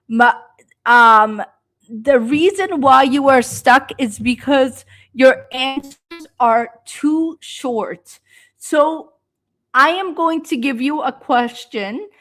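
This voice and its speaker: A woman from Canada who teaches English, giving a live-stream speaking lesson with slow, patient explanations and frequent ums and uhs. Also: sits high, a bit bright.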